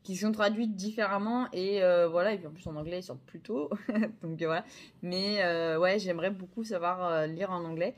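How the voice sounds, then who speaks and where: A woman's voice: lowish voice, fairly even intonation, normal speed. A young French woman chatting casually about her books, hesitant, with many fillers and self-corrections. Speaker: book vlogger. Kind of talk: casual chat.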